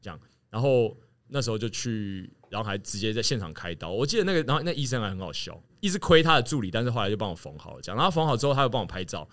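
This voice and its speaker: A man telling a story in casual chat, animated and laughing as he acts out what others said. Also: lowish voice, very fast. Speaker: podcast guest telling a story.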